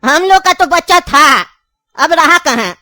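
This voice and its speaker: A scheming old grandfather, voiced by a woman, in a cartoon comedy. He is loud and insistent, pitched high with a bright, sharp tone. The recording is dry and close. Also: animated, a little slow, dry recording, soft background music, full character voice. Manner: pleading, insistent, talks loudly. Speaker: voice actor. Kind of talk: animated comedy voice acting.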